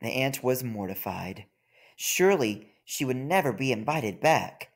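A man narrates a children's story aloud, taking his time as his pitch rises and falls expressively through each sentence. His reading is animated and a little slow.

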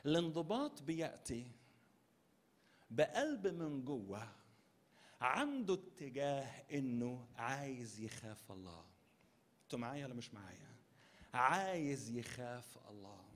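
Very animated yet unhurried, with long pauses, this medium-pitched male pastor speaks with an Egyptian Arabic accent. At a church conference he preaches a sermon, hammering key phrases through repetition and posing rhetorical questions to the congregation.

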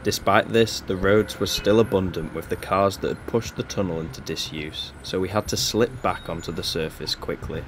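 A man narrating his urban exploration video as a calm, measured scripted voice-over, with background music. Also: sits low, background noise.

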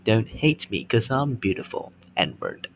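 A man's voice: fairly low pitch, big pitch swings, measured pace, vocal fry, a little hiss or hum, full character voice. A man voicing a cocky young man who trash-talks in casual, taunting street slang.

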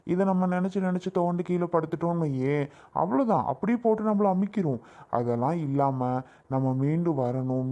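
A man's voice: fairly high pitch, dark tone, lightly acted. A man playing a younger brother who consoles his sister, talking in an earnest, reassuring way in a family drama skit.

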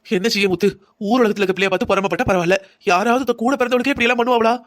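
Woman as an older mother-in-law in a cartoon: rapid, pleading and lamenting, doting on her wayward daughter. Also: fairly high pitch, close to an everyday voice. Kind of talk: cartoon drama voice acting.

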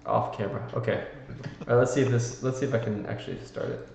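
A man's voice: mid-range voice, steady tone, quick pace, vocal fry. A man setting up a livestream who sounds like he is in a cave, chatting casually and muttering to himself while troubleshooting. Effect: cave echo. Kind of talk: casual chat while fiddling with stream settings. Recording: cavernous echoey dull lo-fi mic, faint background noise.

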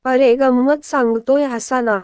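A jovial older father fond of jokes and old memories, as a woman storyteller puts him on. The voice stays high and smooth. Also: steady tone, unhurried, a little mellow, no room sound, clean studio sound. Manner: jovial, reminiscing. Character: genial older father of the family.

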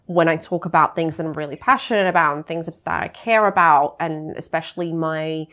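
Her voice sitting low, brisk and a bit bright, a woman from Latvia chats casually as a guest in a podcast studio. The freelance graphic designer's interview talk is loose, with lots of fillers, restarts and laughter.

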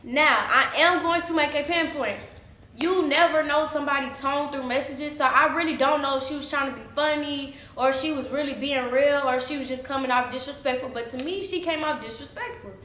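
A woman's voice: high-pitched, a little fast, bright, forceful tone. A young woman vlogging to camera, venting indignantly and repeating herself, full of "like" and "y'all". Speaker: YouTuber. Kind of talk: casual vlog rant to camera. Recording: echoey room.

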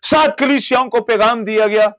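Here a Pakistani man in middle age preaches on television, his very high, fairly bright voice moving at normal speed. He is a pastor recorded in a studio on a lapel mic, and he gestures nonstop with both hands while his impassioned emphasis swells and subsides.

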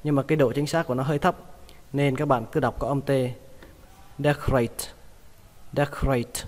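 Guy teaching pronunciation, says each word over and over, kinda echoey, normal pitch. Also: steady tone, a little mellow. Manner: repeats each word slowly and patiently. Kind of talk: vocabulary lesson.

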